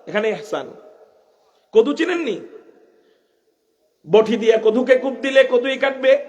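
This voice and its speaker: A young man, preaching an impassioned waz sermon, calling out to the crowd and chanting verses slowly. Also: sits high.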